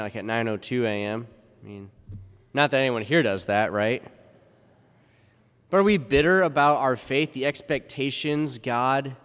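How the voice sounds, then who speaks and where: Male preacher, mid-pitched, church homily delivery, long cathedral-style echo. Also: fairly bright tone. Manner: rhetorical questions, informal asides. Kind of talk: Gospel reading and conversational homily. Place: large echoing church interior.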